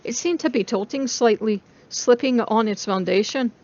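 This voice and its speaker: A woman's voice: fairly high pitch, normal speed, darkish tone, highs cut off. A woman narrator giving a dramatic reading of a story.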